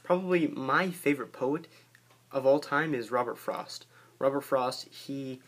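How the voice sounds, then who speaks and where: An excitable young man talks about poetry with eager energy, stumbling and restarting as the ideas come. His voice is husky and sits at a middle pitch. He reads aloud in a quieter, lower tone. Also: unhurried. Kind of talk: casual talk and poetry reading.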